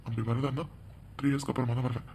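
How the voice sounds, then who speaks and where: A man voicing a fast-talking tender young man. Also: medium pitch, flat delivery, background noise, lightly acted. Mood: earnest. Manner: gently teasing, persistent. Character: young man leaving for abroad, tender and teasing. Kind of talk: cartoon voice acting.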